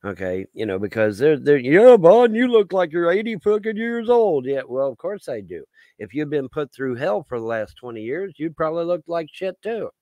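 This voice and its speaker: A man's voice: a little high, big pitch swings, normal speed, mellow, no room sound. Rambling fifty-something man on a livestream. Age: 50s. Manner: rambling, aggrieved, swears freely. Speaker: livestream host. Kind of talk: casual live-stream monologue.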